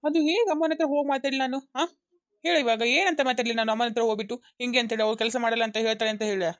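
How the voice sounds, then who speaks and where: A woman's voice: on the high side, racing, dry recording, clean studio sound, close to an everyday voice. A woman voicing a young husband caught between his wife and his mother, insistent and coaxing, repeating himself.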